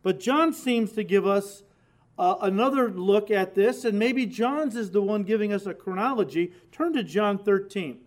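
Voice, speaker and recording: Pastor guy teaching a sermon, high-ish voice, emphatic, chatty, talks right to the folks. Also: normal speed. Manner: emphatic, conversational, addresses listeners directly.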